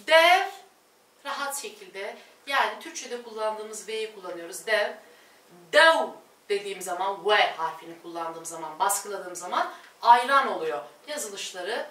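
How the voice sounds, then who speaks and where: A woman teaching a language lesson at a board, slowly repeating each word pair and addressing her viewers as friends. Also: mid-range voice, animated, a bit bright, far from the mic. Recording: echoey room, voice off-mic.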